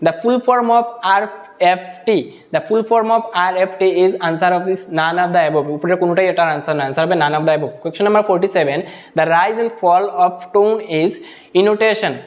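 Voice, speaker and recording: A man with a high-pitched voice goes through a teacher-exam paper answer by answer. He reads each English question out slowly, word by word, then explains the answer in Bengali peppered with English terms.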